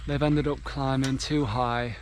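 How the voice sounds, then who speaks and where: A man's voice: mid-range voice, level tone, measured pace, slight background noise. Chatty man, vlogging casually. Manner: chatty, lightly humorous, explaining as he goes. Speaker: vlogger and sloth conservation worker. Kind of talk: casual vlog narration. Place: rainforest and countryside, partly outdoors.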